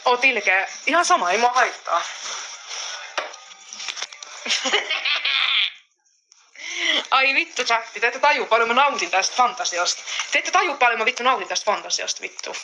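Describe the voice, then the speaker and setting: A woman's voice: a little high, expressive, over music, low-quality recording. A woman streamer chatting to her viewers, giggly and profane as she daydreams aloud. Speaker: live streamer. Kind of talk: casual live-stream talk to chat.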